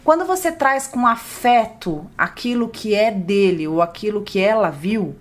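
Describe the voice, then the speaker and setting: Casting: woman psychologist, podcast co-host, gentle explanatory delivery. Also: unhurried. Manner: gentle, explanatory, lively pitch when voicing a parent to a child.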